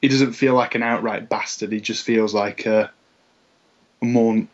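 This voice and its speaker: A man's voice: on the low side, fairly even intonation, a little slow, dull audio. A man talking casually on a podcast, hesitant, with many fillers and restarts. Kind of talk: casual comics discussion.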